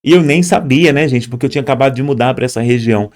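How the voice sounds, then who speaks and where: A man's voice: mid-range voice, very fast, darkish tone. A young man tells his own story as an immigrant, speaking straight to viewers and pointing at footage on screen. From Brazil. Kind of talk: personal storytelling.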